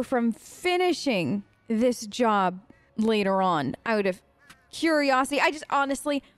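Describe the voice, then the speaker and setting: Her voice is a little high and the recording has no room sound. As a let's play host playing her game character, she improvises in-character answers in a chatty, informal, somewhat rambling way.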